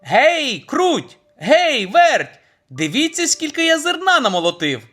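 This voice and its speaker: A man doing a high, ringing rooster. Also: huge pitch swings, measured pace, bright, forceful tone, soft background music, exaggerated voice. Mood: calling eagerly. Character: hardworking cheerful rooster, male.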